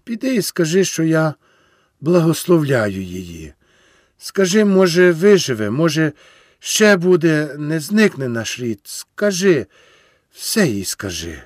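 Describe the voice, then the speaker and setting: A grieving old peasant man from a storybook, voiced by a man reading aloud, resigned and tender. He speaks haltingly, with lively rises and falls in pitch. The sound is close and dry. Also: dry recording.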